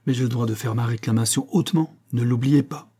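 A man's voice: mid-range voice, fairly even intonation, brisk, mellow, husky, close to an everyday voice. Man reading a hard, cynical returned husband. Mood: imperious. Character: bitter middle-aged husband returned from the dead. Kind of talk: audiobook character reading.

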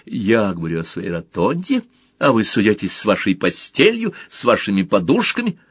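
A man voicing a quarrelsome, sharp-tongued woman baker who snaps back indignantly. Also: on the low side, huge pitch swings, moderate pace, husky, dry recording, clean studio sound, exaggerated voice. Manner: retorting, indignant.

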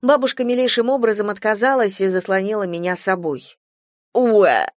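A woman's voice: mid-range voice, fairly quick, dry recording, clean studio sound. A woman narrating a story in a wry, ironic way.

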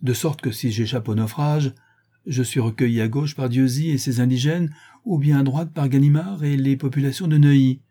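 A suave gentleman thief, put on by a male reader, teasing and grandiloquent in a raised, bright-edged tone. The voice stays husky and mellow underneath, full of ironic flourish. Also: medium pitch, steady tone, normal speed, pitched above the performer's own voice, lightly acted. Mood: mocking. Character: suave, mocking gentleman thief, adult man.

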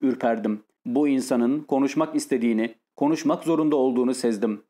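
A man narrating an audiobook in a calm, measured reading. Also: mid-range voice. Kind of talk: scripted narration.

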